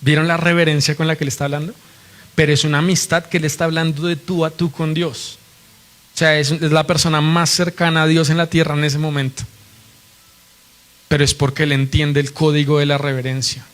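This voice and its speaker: A man's voice: a little high, flat delivery, a little fast, a bit bright. A man preaching a sermon, earnestly and reverently teaching, often asking his listeners questions.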